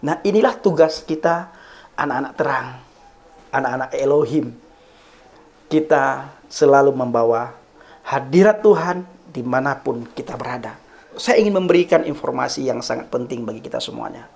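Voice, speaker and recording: A man's voice: medium pitch, animated, normal speed, gravelly, darkish tone. A man preaching to his online viewers in an earnest, repetitive, list-like cadence, often calling them Bapak Ibu. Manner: addresses listeners as Bapak Ibu. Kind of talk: sermon.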